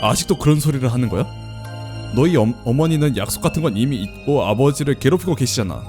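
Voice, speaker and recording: A man's voice: medium pitch, animated, quick pace, music in the background, natural voice. A man voicing a mocking cursed doll, reading its game lines in a cold, taunting way.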